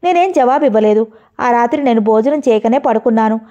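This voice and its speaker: A woman narrating a first-person story in a steady, emotional way. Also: on the high side, brisk, muffled recording.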